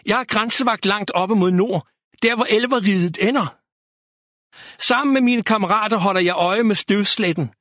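A man's voice: high voice, fairly bright tone, no room sound, clean studio sound. A man voicing a panicked young male elf border guard in a storybook, talking breathlessly and urgently.

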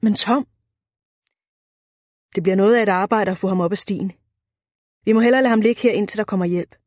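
A steady, tall lighthouse keeper from a storybook, voiced so that he keeps his head under strain, as a woman reading the tale puts him on. The voice is her own dry, close sound with no room around it. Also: mid-range voice, no room sound, close to an everyday voice. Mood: calm. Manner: shouts urgently, then speaks calmly.

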